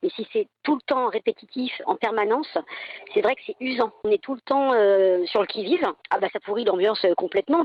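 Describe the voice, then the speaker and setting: A woman's voice: medium pitch, dry recording. A woman working at a library gives weary, earnest anonymous testimony for a radio news report, her voice disguised with a voice changer. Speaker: library employee. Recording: dull lo-fi radio sound.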